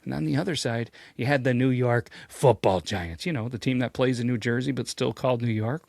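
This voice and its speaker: A man hosting a sports ranking show, telling the story with jokey asides and rising excitement. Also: brisk, creaky, no echo, clean studio sound. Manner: animated, jokey, pitch swings when excited. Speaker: host. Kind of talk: energetic sports commentary.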